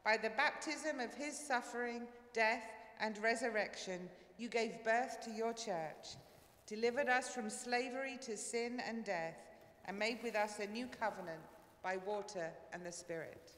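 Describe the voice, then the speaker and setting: A woman pastor leading a communion prayer in a measured, solemn way, her voice ringing with cathedral echo. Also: a little high, fairly bright tone. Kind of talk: liturgical prayer. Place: large church sanctuary. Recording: echoey church hall, faint ambience.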